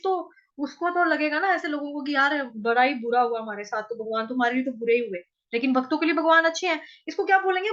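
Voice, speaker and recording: A woman teaching how to chant scripture verses, patiently explaining and repeating syllables slowly. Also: sits high, a bit bright, muffled recording.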